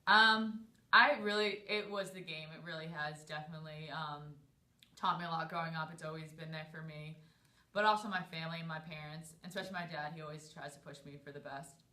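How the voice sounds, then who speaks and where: Young woman, bright voice in echoey room. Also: sits low, steady tone, brisk. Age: young adult. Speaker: student athlete interviewee, basketball player. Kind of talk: casual interview answers.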